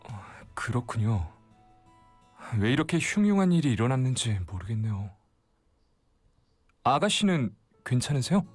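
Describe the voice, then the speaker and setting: A polite, quick-talking young shopkeeper. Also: male voice, mid-range voice, faint music behind. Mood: concerned. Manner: courteous, lively, quick speech. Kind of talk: game voice acting.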